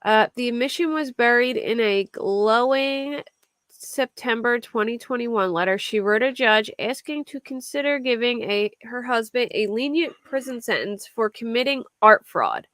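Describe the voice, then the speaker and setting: A young woman from the Philadelphia area, with the accent to match, hosts a true crime livestream, casually reading out a crime story while answering chat and laughing often. Her voice is fairly high, animated and fairly bright, at normal speed, with no room sound.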